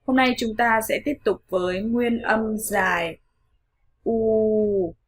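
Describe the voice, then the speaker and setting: A Vietnamese-speaking woman teaching English pronunciation in an online lesson, modeling each sound slowly and repeating words for learners. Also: medium pitch, fairly bright tone. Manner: slow, clear modeling of sounds with repetitions.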